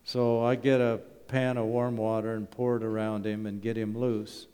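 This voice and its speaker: With a fairly low, warm, clear and resonant voice, moving little in pitch and speaking at normal speed, a Canadian man in middle age or beyond gives a church presentation about his wilderness school. It's a folksy, funny talk with slides and many rhetorical questions, set in an echoey hall with long reverb.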